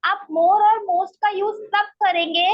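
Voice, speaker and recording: Female English teacher, very high pitch, slow and patient, keeps checking understanding; muffled online-class sound. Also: fairly even intonation. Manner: explains step by step, checks understanding with "ठीक है?". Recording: dull lo-fi online class audio.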